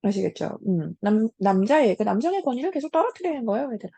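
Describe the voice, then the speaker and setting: A woman teacher giving a casual lecture on a classic story, talking straight to her students with many soft hums between points. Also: fairly high pitch, big pitch swings, quick pace, creaky, breathy edge, no echo. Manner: casual, talks to students as 얘들아 with frequent hums.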